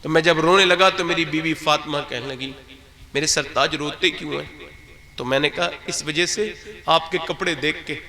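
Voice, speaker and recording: A man's voice: on the high side, steady tone. A man preaching an emotional religious sermon, his voice swelling toward tearful pleading as he retells scenes to his listeners. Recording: crowd of listeners behind.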